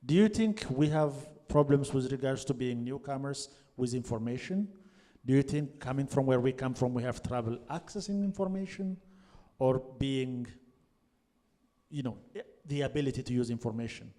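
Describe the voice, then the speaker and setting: A man in his thirties, from Ethiopia, moderating a panel in a glass greenhouse venue through a handheld microphone. His voice is mellow and dark, and he builds long, measured, structured questions. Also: medium pitch, animated. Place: glass greenhouse event space, seated on stage.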